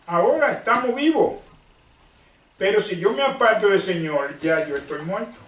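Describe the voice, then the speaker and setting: A male preacher gives a sermon, slowly and emphatically, asking questions and answering them himself. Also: high-pitched, lively intonation, distant mic. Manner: slow, emphatic, asks and answers own questions. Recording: echoey room, off-mic.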